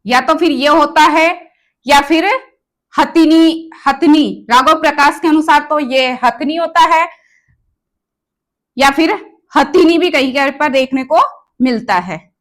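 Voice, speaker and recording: A woman's voice: sits high, slow pace, pauses often. A woman teacher giving an exam-prep grammar lesson, repeating each word and quizzing her students on the right form.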